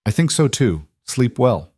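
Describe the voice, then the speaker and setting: A man's voice: mid-range voice, sing-song, a little slow, a little mellow, husky, dry recording, studio quality, voice pushed up. A man doing a guarded single dad. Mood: reserved. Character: cautious, guarded single father in his thirties.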